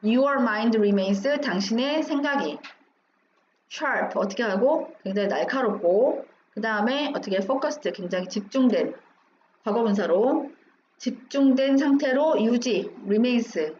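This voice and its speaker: Woman teacher walking thru an exam text, slightly high voice, asks then answers herself, dull roomy sound w faint hum. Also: animated, unhurried, a little mellow. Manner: asks herself questions, then answers them, mixing English phrases. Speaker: English teacher. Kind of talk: explaining an exam passage line by line.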